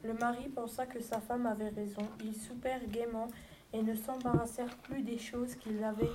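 A woman reading a fairy tale aloud in a fairly high voice, steady with a few small stumbles. Clear hiss and clicking noises sit under the reading. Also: normal speed. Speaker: narrator. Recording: noisy home recording with clicks.

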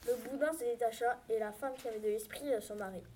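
A woman narrating a fairy tale in a clear, measured storytelling manner. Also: fairly high pitch, mellow.

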